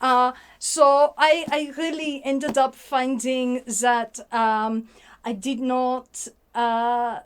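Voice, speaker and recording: A woman hosting a casual book review vlog, slipping words into her talk and pausing often on fillers. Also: high voice, little pitch movement, clear, resonant tone. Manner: sprinkles French words, halting with many fillers.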